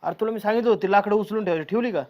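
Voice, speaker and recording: A man's voice: high voice, racing, dry recording, muffled recording, natural voice. An actor playing a bossy village husband who nags and barks repeated orders at his wife. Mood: nagging. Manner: nagging, barking orders, repeats words. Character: bossy scolding village husband, middle-aged. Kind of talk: village short-film acting.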